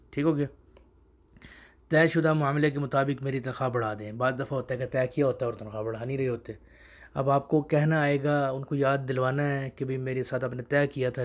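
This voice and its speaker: A man who teaches Arabic phrases in a casual spoken lesson, slowing down to repeat each phrase for learners. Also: mid-range voice, a little mellow.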